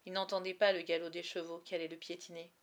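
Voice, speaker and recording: A woman reading a novel aloud chapter by chapter, with expressive, dramatic storytelling. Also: fairly low pitch, fast. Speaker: reader.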